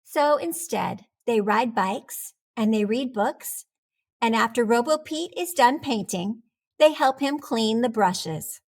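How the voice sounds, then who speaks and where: A woman reading a children's storybook aloud, gentle and expressive. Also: a little high, slow. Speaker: children's book reader.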